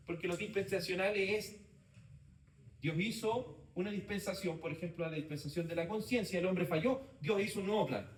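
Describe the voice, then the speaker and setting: A man's voice: on the high side, far from the mic. Man teaching a theology class, echoey room. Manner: speaks in short phrases, repeats key points, asks the class to confirm. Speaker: Bible teacher. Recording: roomy echo, voice from off-mic, faint background noise.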